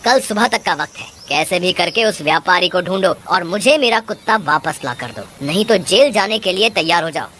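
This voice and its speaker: A woman voicing a stern, angry male farmer in a cartoon, giving gruff threatening commands. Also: fairly low pitch, lively intonation, brisk, few pauses, fairly bright tone, slight background noise. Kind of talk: Hindi cartoon voice acting.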